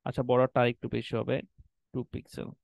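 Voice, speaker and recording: A web design instructor takes students through website design settings in a screen-recorded tutorial, mixing in English terms and often checking in with "ঠিক আছে?". His mid-range voice is fast, creaky, a little mellow, and completely flat. The recording is dry.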